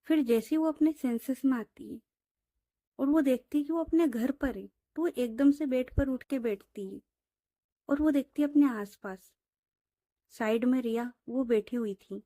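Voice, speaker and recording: A woman's voice: high-pitched, measured pace, mellow, dry recording, clean studio sound. A woman casually narrating a romance audio story, retelling scenes in a chatty way. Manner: conversational, retelling with "she says" tags.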